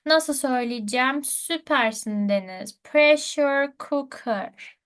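A woman's voice: high-pitched, slow, fairly bright tone. A woman teaching a live online English lesson, patiently checking answers with her students.

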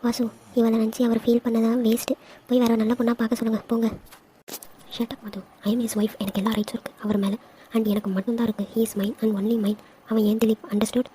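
A lovestruck young woman in a cartoon, voiced by a woman, emotional and playful with her brother. Her voice is slightly high with a mellow, warm tone and a fairly even melody. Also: a little fast, slight background noise, natural voice. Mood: possessive. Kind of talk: cartoon dialogue acting.

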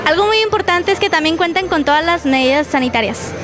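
A woman's voice: very high-pitched, lively intonation, fast talker. A young woman reporter doing an on-location interview with a handheld microphone, upbeat and inviting. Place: outdoors at a restaurant entrance and indoors in its dining room.

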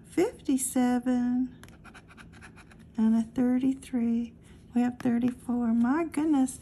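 A woman with a high, soft, mellow voice works through a stack of scratch-off tickets, reading each number aloud very slowly. She talks in an easy, casual way to the camera over her tabletop. Faint room noise sits under her voice. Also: steady tone. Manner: slow, calls out numbers one by one. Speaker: lottery scratch-off vlogger.

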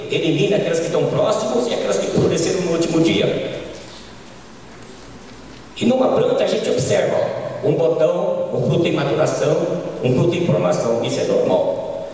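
A middle-aged Brazilian man giving an informal conference lecture on a handheld microphone, often ending points with quick tag questions. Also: fairly high pitch, very animated, a little mellow. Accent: Brazilian Portuguese. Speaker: agronomist lecturer. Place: large conference hall. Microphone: handheld mic, filmed from far. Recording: echoey hall from far off.

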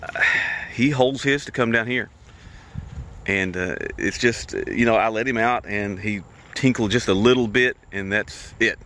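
A man's voice: lowish voice, measured pace, a bit bright, a little hiss or hum. A man in his forties chatting to a handheld camera in a casual vlog, explaining things as he goes. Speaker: vlogger. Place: inside a car and outdoors. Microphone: handheld camera at arm's length.

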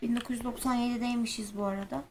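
A woman's voice: fairly high pitch, fairly even intonation, racing. A young woman streaming a horror game, chatting casually with a friend and swearing or shrieking when startled. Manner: jumpy, swears and shouts when scared. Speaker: gaming streamer. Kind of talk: casual let's-play chat. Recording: noisy gaming stream audio.

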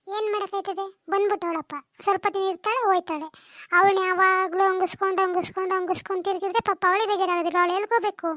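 A voice artist playing a sharp-tongued older mother-in-law, scolding and defiant, with a high cartoon pitch effect. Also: fairly even intonation, fast, no echo, clean studio sound. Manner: scolding and defiant, then protective of her daughter. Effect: sped-up, high-pitched cartoon voice effect. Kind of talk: comic cartoon dialogue.

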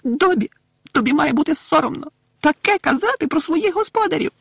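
A man voicing a weepy, loyal female house-elf who talks in a shrill voice with broken grammar in an audiobook. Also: animated, brisk, vocal fry, fairly bright tone, dry recording, full character voice. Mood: scolding tearful.

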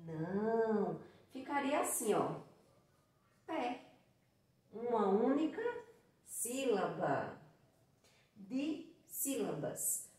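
A woman with a Brazilian Portuguese accent teaching a children's lesson, counting out syllables slowly in a sing-song way. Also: mid-range voice, darkish tone. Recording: very echoey room, from far off the mic.

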